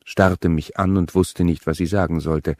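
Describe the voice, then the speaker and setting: Male audiobook reader, very low voice, calm and measured, dry close mic. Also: no room sound. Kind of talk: audiobook narration.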